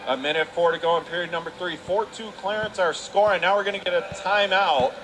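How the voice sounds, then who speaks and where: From inside the arena, a man calls live radio play-by-play of an ice hockey game, his voice sitting high and brisk. Arena noise comes through clearly behind him.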